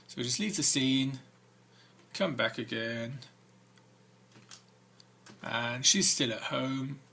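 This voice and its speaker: A man's voice: mid-range voice, gravelly, bright, forceful tone, husky. A man hosting a game walk-through, reading the game's text aloud between hesitant comments full of fillers. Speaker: let's-play host.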